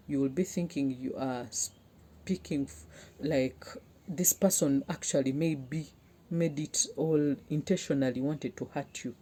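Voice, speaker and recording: A young woman vlogger with a low, dark, slightly rough voice talks to camera, offering relationship advice to her viewers in an earnest, pleading and heartfelt way.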